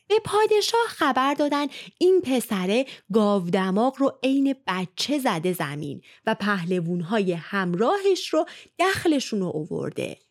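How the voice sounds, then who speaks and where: A woman narrating a folk tale in a colloquial, expressive storytelling manner into a close studio mic. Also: mid-range voice, no echo.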